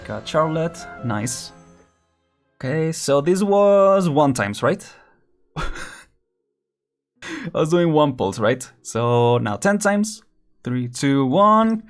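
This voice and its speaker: A young man streams a game and chats casually, laughing often and counting down as he plays. His voice is a little high and sing-song, and he goes slowly with long pauses while faint music plays behind him.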